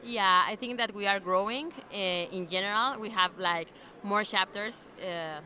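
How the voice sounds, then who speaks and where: A woman with a Mexican Spanish accent, her mid-pitched voice bright and upbeat, chatting with easy "like" fillers. A faint hum of a convention floor is behind her. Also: measured pace. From Mexico City. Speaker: interviewee, alliance member. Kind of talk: casual interview chat. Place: busy convention venue.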